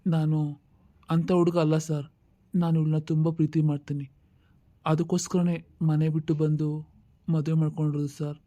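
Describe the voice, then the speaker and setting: A woman's voice: sits low, little pitch movement, moderate pace, long pauses, warm tone, lightly acted. A woman playing a young husband who consoles his wife and politely thanks an officer in a skit. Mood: earnest, polite. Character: young husband Arun, soothing and earnest. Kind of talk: comedy skit acting.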